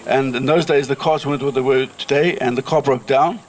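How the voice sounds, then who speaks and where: Speaking a little fast with fairly even intonation in a mid-range voice, a middle-aged man from South Africa addresses a reunion crowd outdoors as chair of a kibbutz. He tells chatty stories and anecdotes, restarting his sentences with plenty of fillers.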